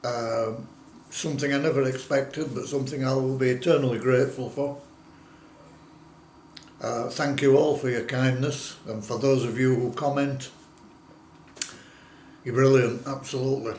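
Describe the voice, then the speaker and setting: A man's voice: mid-range voice, steady tone, moderate pace, pauses often, a little mellow. Man in an echoey room, casual food review. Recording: roomy echo, faint background noise.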